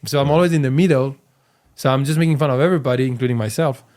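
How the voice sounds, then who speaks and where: Speaking very fast in a medium-pitched voice, a French comedian with a French accent appears as a casual podcast guest. He spins energetic stories and imitates the voices of the people he's quoting.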